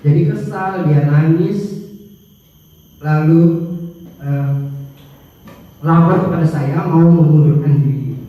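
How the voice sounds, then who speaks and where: A man's voice: on the high side, slow pace, long pauses. A male schoolteacher giving a conversational workshop talk to fellow teachers, addressing them directly and using frequent filler sounds. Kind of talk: workshop presentation. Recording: very echoey hall, mic far off, dull sound.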